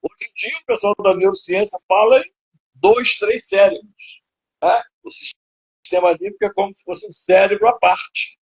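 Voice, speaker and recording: A man's voice: high-pitched, sing-song, moderate pace, vocal fry, slightly rough. An older man with a Brazilian Portuguese accent, a psychoanalyst lecturing in a live video interview, rambling with many fillers and tag questions. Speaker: psychoanalyst guest. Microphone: video call. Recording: dull lo-fi web stream audio.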